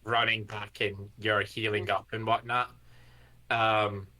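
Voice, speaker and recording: A man improvising tabletop game narration as game master, halting and deliberate, often pausing mid-sentence. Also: on the low side, little pitch movement, bright, forceful tone.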